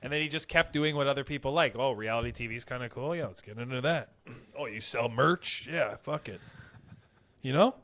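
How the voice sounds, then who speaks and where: A young man co-hosts a podcast, rambling through crude stories in loose banter and acting out voices when he quotes people. His voice is medium-pitched and fairly bright, at a moderate pace.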